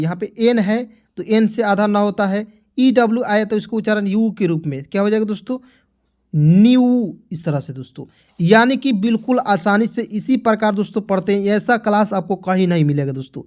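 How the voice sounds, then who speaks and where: This online English pronunciation teacher has a high voice with a darkish tone. Addressing viewers as friends again and again, he is highly repetitive and occasionally launches into motivational urging.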